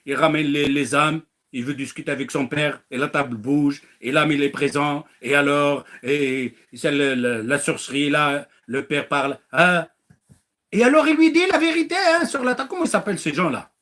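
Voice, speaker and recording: A man's voice: a little high, normal speed, a bit bright. A man preaching to listeners in French, acting out little dialogues, firing rhetorical questions and mocking now and then. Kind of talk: animated religious talk.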